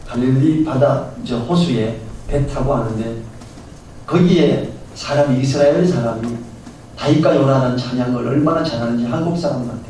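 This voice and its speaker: A man's voice: medium pitch, a little mellow, a little hiss or hum. A male pastor giving a Sunday sermon in a storytelling manner, acting out the characters in his stories. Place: church sanctuary. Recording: very echoey church hall, mic far off.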